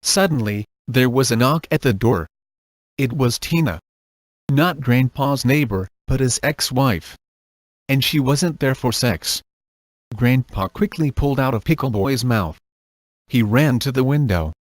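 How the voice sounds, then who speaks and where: A man reading a crude comic horror story aloud in a flat, deadpan storytelling manner. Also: mid-range voice, normal speed, dry recording. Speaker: narrator.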